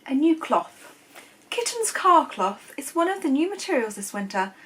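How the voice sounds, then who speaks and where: A posh, old-fashioned lady with a posh English accent, as a woman puts her on, reads vintage adverts aloud. She delivers them in a grand, sing-song sales pitch. Her voice sits fairly high. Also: sing-song, moderate pace, fairly bright tone. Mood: genteel.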